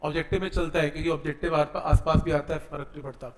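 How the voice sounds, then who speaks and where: A man's voice: on the high side, flat delivery, quick pace, reverberant, slight background noise, poor audio. A man teaching a physics lesson, explaining each step and checking in with his students. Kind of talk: exam-prep physics lesson.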